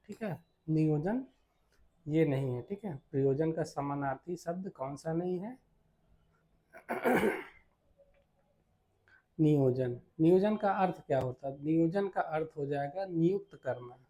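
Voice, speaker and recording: This Hindi teacher's voice sits a little high but sounds dark and mellow as he moves very slowly and deliberately through exam-prep multiple-choice questions. Repetitive by habit, he asks every question twice before answering it himself, checking in often with "ठीक है" (theek hai).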